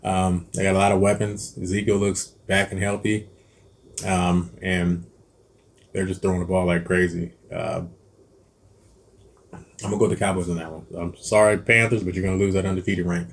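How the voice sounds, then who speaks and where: A man with a low voice and little pitch movement speaks at normal speed with long pauses. He hosts a cooking channel and chats casually through football picks while eating, rambling hesitantly with lots of ums, restarts and self-corrections.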